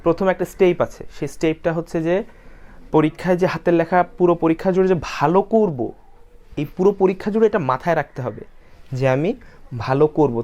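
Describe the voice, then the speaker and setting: A man teaching English pronunciation in an online lesson, explaining patiently and repeating example words slowly. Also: fairly high pitch, a little mellow. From Bangladesh.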